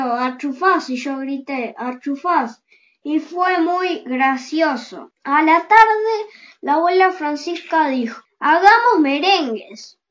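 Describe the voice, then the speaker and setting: A reader telling a children's story aloud, with gentle and unhurried storytelling. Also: high-pitched, highs cut off. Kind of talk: slow storybook reading aloud.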